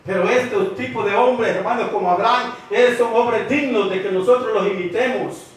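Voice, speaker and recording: A preacher with a high voice delivers his sermon, constantly addressing the brethren and throwing questions at them. He is recorded from a distance in a church hall with a heavy echo. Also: moderate pace. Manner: repeats 'hermanos', asks the congregation questions. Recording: echoey hall from far off.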